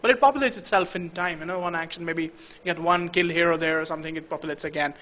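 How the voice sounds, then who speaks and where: A man's voice: on the high side, fast talker, a bit bright. A man from India casting a live esports match, chatty and stop-start with many fillers. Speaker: esports caster.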